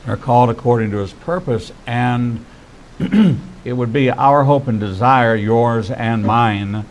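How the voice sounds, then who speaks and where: Man in his 60s, slow deliberate pace, preacherly cadence, faith-based interview host. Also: mid-range voice, slight background noise, rough recording. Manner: measured, preacherly phrasing.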